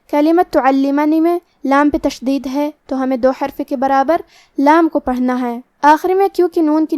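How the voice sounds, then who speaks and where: A woman with a high voice and a Pakistani Urdu accent explains recitation rules in a steady, methodical teaching manner. Her voice is close and completely dry, with no room sound around it. Each point comes in a measured, patient flow. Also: dry recording. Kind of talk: tajweed lesson, explaining rules then reciting slowly.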